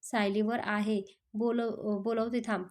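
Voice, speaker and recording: A woman's voice: mid-range voice, level tone, a little slow, a little mellow, natural voice. A woman voicing a welcoming older mother greeting a young man at her door.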